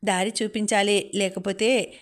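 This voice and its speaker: This is a playful, talkative young woman who likes to tease her friend, voiced by a female audiobook reader. She chats lightly in an even, level voice with a middling pitch. It is read as one character in a narrated story. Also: unhurried, natural voice. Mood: teasing. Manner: playful, chatty.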